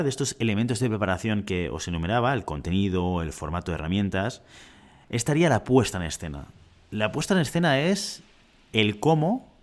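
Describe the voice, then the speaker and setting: A man from giving a measured, reflective talk on presentation skills, with rhetorical questions and a few fillers. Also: lowish voice.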